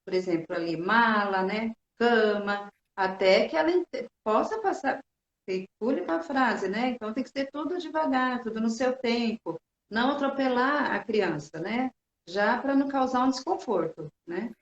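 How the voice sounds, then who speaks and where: A woman moderating a live interview, asking questions slowly and with some hesitation. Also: fairly high pitch. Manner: slow, hesitant questions with tag questions. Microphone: video call on a live stream. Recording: roomy, dull lo-fi call audio.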